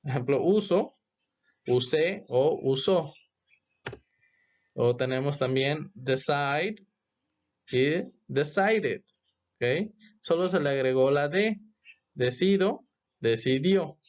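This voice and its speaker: A man teaching a grammar lesson, explaining step by step and often checking with a quick question. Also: fairly high pitch, expressive, dull audio. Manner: patient, repeats "¿ok?" to check understanding. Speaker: English teacher.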